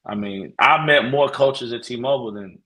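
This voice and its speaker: A man talks in a relaxed, rambling way, sprinkling in casual slang as he goes. His tone is bright and forward, at an ordinary pitch for a man. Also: normal speed. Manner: laid-back, rambling slang. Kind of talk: casual chat.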